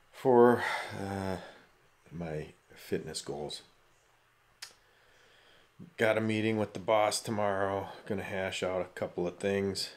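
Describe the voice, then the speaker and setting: His voice sits low and sounds a little mellow. He's a middle-aged fitness vlogger, chatty and self-admittedly prone to complaining, doing casual vlog talk from a parked car, outside a truck, and later his home office.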